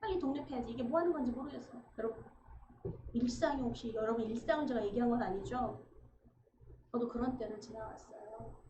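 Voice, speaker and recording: A woman preacher giving a conversational sermon, acting out everyday dialogue with sudden lively bursts. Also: on the high side, fairly quick. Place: church sanctuary. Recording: echoey room, dull lo-fi sound, faint noise.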